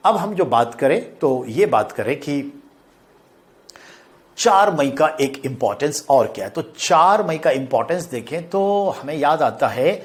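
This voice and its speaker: A middle-aged man teaching a classroom lecture for exam coaching, repeating key points and dropping to quieter asides. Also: fairly high pitch, sing-song, a little slow. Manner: explains with repetition, drops to quieter asides.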